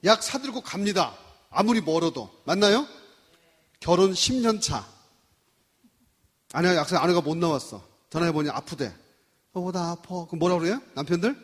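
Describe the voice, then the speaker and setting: A man giving a lecture on marriage to a live audience, lively and engaging, asking the listeners questions and acting out what people say. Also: on the high side, moderate pace, pauses often, husky. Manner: animated, asks the audience questions, acts out quoted speech. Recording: reverberant hall sound.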